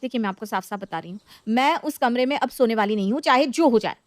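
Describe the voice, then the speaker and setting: A stubborn young daughter-in-law, voiced by a woman, shrill and indignant in a storybook drama. Her high voice is recorded close and dry. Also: lively intonation, fast talker, dry recording, soft background music, close to an everyday voice.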